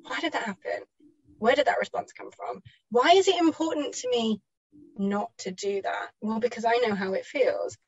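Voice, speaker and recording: A woman's voice: a little high, normal speed, slightly rough, no room sound, highs cut off. A woman guest telling personal parenting stories in a chatty, reflective way, laughing often and correcting herself as she goes.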